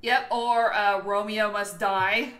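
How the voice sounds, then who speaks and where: A woman in casual chat, talkative and quick to laugh. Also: mid-range voice, fairly even intonation, fairly bright tone. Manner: chatty, laughs easily.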